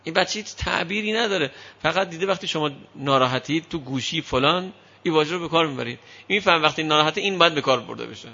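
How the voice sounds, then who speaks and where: Bright-voiced man giving a parenting talk. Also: fairly high pitch, highs cut off. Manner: lively storytelling that acts out quoted parents and children. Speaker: parenting lecturer. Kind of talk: speaking to an audience on child upbringing.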